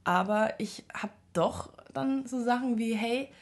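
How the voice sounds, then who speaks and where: A woman's voice: on the high side, a little slow. A young woman speaking to her viewers in a casual, reflective monologue, giving earnest self-help advice with lots of fillers and restarts.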